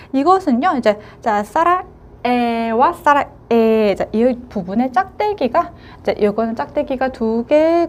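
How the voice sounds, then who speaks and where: A woman teaching a language lesson, modelling each word slowly and drawing out the sounds, with frequent filler words. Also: on the high side.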